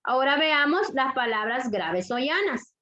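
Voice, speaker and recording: A woman's voice: high-pitched, sing-song, bright, forceful tone. A woman teaching a grammar lesson to young students, repeating each rule and checking that the class follows. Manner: slow, deliberate, repeats rules, checks understanding with questions. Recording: dull lo-fi audio.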